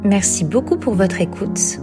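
Woman podcast host, clear presenter delivery. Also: medium pitch, lively intonation, unhurried, music in the background. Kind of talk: scripted intro and interview questions.

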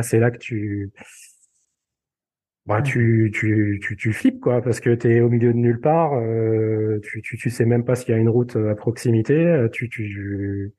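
A man tells a story in a relaxed podcast chat and keeps stumbling over fillers and repeated words. His voice sounds mellow and dark, at a middle pitch. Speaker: podcast guest. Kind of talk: casual storytelling.

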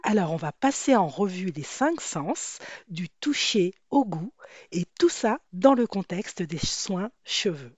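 A woman hosting a solo podcast in a chatty, intimate way, her voice hoarse and croaky from flu. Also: on the low side, very animated, measured pace, soft background music. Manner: intimate, addressing one listener directly. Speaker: podcast host and hair coach.

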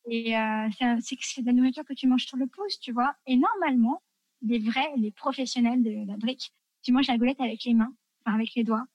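A woman's voice: a little high, a little fast, a little mellow, no room sound. A woman from France chatting enthusiastically as a guest, full of fillers and asides as she recommends favorite dishes. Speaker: guest sharing food tips. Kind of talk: casual chat.

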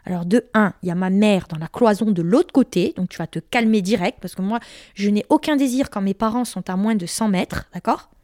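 A young Corsican woman with a mid-range, slightly mellow voice talks fairly quickly, frankly recounting a personal story in casual, crude, emphatic terms and acting out what people said. The studio sound is clean, with no room sound.

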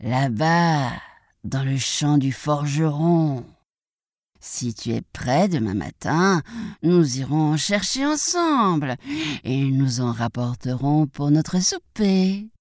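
A sly big bad wolf from a storybook, as a woman reader puts him on, with a slow drawl and a low, hushed tone. The recording is close and dry. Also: sing-song, dry recording, full character voice. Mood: coaxing. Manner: slow drawn-out coaxing delivery.

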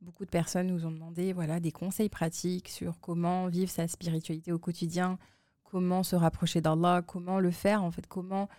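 A woman co-hosting a podcast, explaining things in a measured way with frequent hesitations. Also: on the low side, little pitch movement, dark tone, dry recording, clean studio sound. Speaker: podcast co-host. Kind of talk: casual podcast chat.

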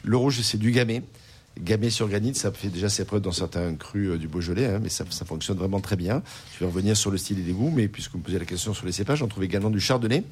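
A man with a low, somewhat husky voice talks about wine as a sommelier on the radio. He hesitates often and repeats words as he explains. His tone stays calm and informative. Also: fast talker. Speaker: sommelier and restaurant owner.

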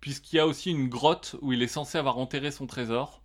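A man's voice: mid-range voice, steady tone, fast talker. A man co-hosting a casual history podcast, explaining with fillers and hesitations and slipping in puns. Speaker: podcast co-host.

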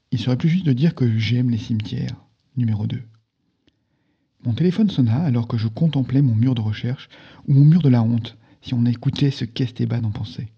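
A man hosting a podcast, reading a novel aloud in a calm, even way. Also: mid-range voice, vocal fry, husky, dull audio. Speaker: podcast host.

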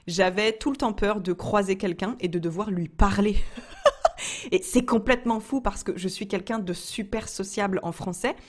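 Young woman vlogging, chatty and candid, trips over her words a lot, mid pitch. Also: normal speed, hardly any pauses. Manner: candid, chatty, many restarts. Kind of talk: casual personal vlog.

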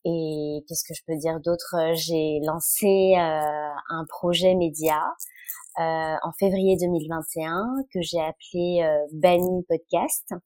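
A woman from France, a guest on a podcast. Her pitch is slightly low, and she speaks haltingly, full of pauses and restarts. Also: steady tone, dark tone, no room sound. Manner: halting, many fillers and restarts. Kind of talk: podcast interview.

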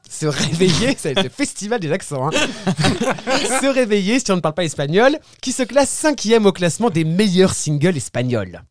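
A man in his thirties presenting a comic column in a theatrical, sarcastic way and often laughing at his own jokes. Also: sits high. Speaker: regular columnist. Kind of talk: comic chronicle, half-read.

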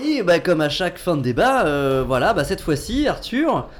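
Lively, playful male comedy host. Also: a little high, over loud music. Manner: playful, teasing, quick interjections. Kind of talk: comic radio-style show.

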